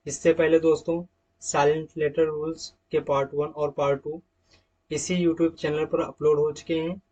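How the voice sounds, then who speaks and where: Guy doing an english lesson, pitch on the high side, says each example word twice, muffled lo-fi audio. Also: darkish tone. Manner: explains each rule in Hindi, repeating example words. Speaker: English teacher. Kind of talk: slide-based pronunciation lesson. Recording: dull lo-fi sound.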